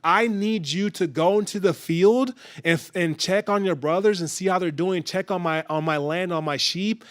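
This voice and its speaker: Man doing an older dad giving orders, casual and brisk. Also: sits high, natural voice. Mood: instructing. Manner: casual, instructing. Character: older father giving his son orders.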